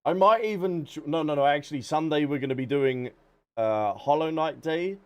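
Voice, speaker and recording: Game music plays while this game streamer, whose voice is a little high and clean in tone, chats casually and directly with his viewers at a moderate pace.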